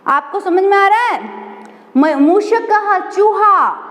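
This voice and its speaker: A woman's voice: very high voice, animated, slow, a bit bright. A woman, a school Sanskrit teacher giving a class lesson, patiently repeating words and asking the children questions. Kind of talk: recorded online class lesson. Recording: echoey room.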